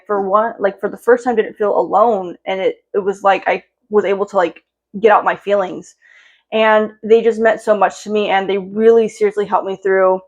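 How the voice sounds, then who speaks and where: A young woman talks to her camera about something personal, rambling through fillers and restarts. She is emotional and close to tears as she goes. The sound is a little dull and lo-fi, and her voice sits at a middle pitch. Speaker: vlogger.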